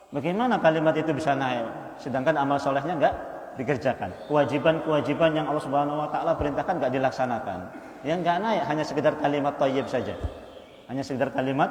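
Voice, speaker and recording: A man's voice: medium pitch, darkish tone. A man giving a Quran study sermon, repeating points and tagging them with "ya kan?". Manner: repetitive, punctuates with "ya kan?". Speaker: preacher. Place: mosque hall. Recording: roomy mosque reverb.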